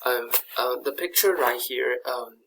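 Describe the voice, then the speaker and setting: A young Taiwanese student with a Taiwanese accent, Chinese being his native tongue, presents slides unhurriedly but hesitantly, restarting often and filling gaps. His voice is mid-range and sharp in tone. The recording is low-quality, with a little hiss or hum.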